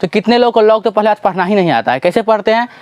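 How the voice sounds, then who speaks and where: A man with a Bihari Hindi accent teaching a math lesson, asking and answering his own questions and drawing out each formula slowly. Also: sits high, animated, darkish tone, clean tone, dry recording.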